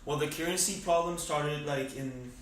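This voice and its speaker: A man's voice: fairly high pitch, normal speed, a bit bright, slight background noise. A teenage boy from Venezuela answering interview questions in a casual, hesitant way, with many fillers and restarts. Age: teens. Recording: echoey room, mic at a distance.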